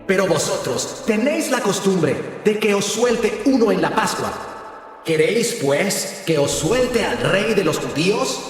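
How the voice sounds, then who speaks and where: A stern Roman governor, as a male reader puts him on in a dramatized scripture reading. He asks his questions slowly, raised and emphatic, with a lively rise and fall. The voice rings through a long-reverb hall over clear background music. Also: sits high, pitched above the performer's own voice. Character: stern Roman governor Pilate, middle-aged man.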